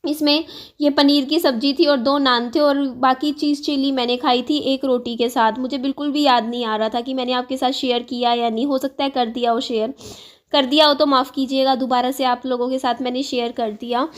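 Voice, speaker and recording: A woman in her thirties chatting casually to her viewers, low-spirited and confiding, her throat sore and strained so she keeps clearing it. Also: fairly even intonation, a little fast. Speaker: vlogger. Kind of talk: casual chat to camera.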